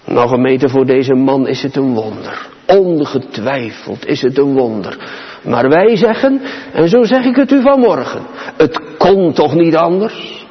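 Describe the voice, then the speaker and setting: A man preaching a sermon to his congregation, slow and solemn, with dramatic pauses and emphasis. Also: medium pitch, lively intonation. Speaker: pastor. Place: church. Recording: dull, reverberant church hall.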